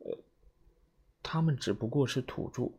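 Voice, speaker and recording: A man's voice: medium pitch, a little mellow, husky, voice pushed up. A man reading an audiobook, voicing a nervous young man who stammers and loses his composure. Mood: panicky. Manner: stammering, halting, rising panic.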